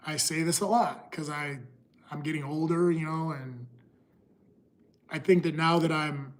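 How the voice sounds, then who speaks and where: A middle-aged man talking casually to his livestream viewers, pausing and restarting often. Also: on the high side. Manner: halting, restarts often, talks to chat. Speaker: livestream host.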